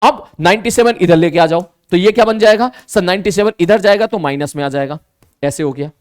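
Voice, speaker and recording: A male teacher giving an online maths lesson in a lively way, slowing down to spell out terms and answering his own questions in his students' voices. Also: sits high, clear, resonant tone, no room sound, clean studio sound.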